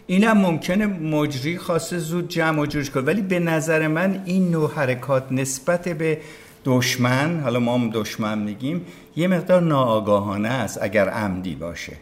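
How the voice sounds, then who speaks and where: A man's voice: on the high side, expressive. A man, a veteran broadcaster, talking as a podcast guest in casual conversation, emphatic and opinionated, often acting out what others said. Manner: emphatic, opinionated, acts out quoted speech.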